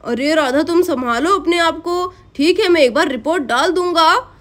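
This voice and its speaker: A woman's voice: very high voice, moderate pace, a bit bright. A woman voicing a worried village father who keeps soothing his wife in a cartoon story. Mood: consoling. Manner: soothing, reassuring. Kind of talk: Hindi cartoon story voice acting.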